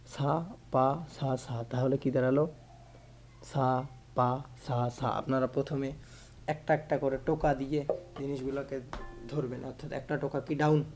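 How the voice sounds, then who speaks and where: A man's voice: medium pitch, darkish tone, a little hiss or hum. A man giving a patient instrument lesson, counting the beats aloud over and over. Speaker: music teacher.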